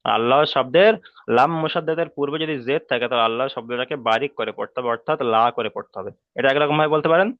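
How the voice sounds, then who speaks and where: A man's voice: medium pitch, dry recording, highs cut off. A man teaching a Quran reading class online, with a Bengali accent, patiently repeating rules and checking that students follow.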